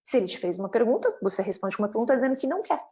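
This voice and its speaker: A woman giving parents guidance in an animated explainer talk, acting out little scenes. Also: very fast. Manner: animated, acts out parent and child lines with big pitch jumps.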